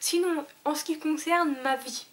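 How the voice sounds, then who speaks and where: A young woman chats to her viewers in a high, bright voice. She rambles, restarts her sentences and fills pauses often, casual and unscripted. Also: steady tone. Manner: chatty, many fillers and restarts. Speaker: vlogger. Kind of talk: casual vlog chat.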